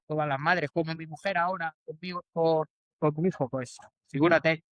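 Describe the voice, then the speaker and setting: A Spanish man in his forties speaks as an interview guest, his voice smooth and resonant and pitched a little high. He talks hesitantly, with many restarts and fillers. The sound is close and dry. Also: steady tone, normal speed, dry recording, lo-fi sound. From Spain. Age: 40s. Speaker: bullfighter guest. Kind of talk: casual interview answers.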